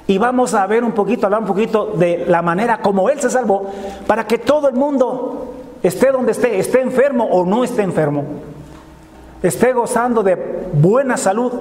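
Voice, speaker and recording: A man with a high voice delivers a sermon, stressing each point and repeating key phrases. His voice rings through a hall with a long, echoing reverb. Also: a little mellow. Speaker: preacher.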